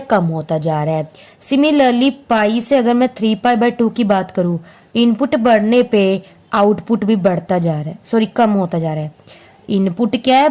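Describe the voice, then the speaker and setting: A woman's voice: mid-range voice, darkish tone. A woman teaching a maths lesson, patiently explaining graphs, repeating her points and answering her own questions, mixing Hindi with English maths terms. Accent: Hindi-English mix with English maths terms.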